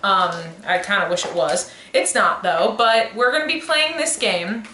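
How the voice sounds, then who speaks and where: Very animated and moderately paced, this twenty-something podcast co-host has a mid-range voice that sounds pushed and bright. She rambles through casual chat and keeps correcting herself, in an echoey room with a little noise.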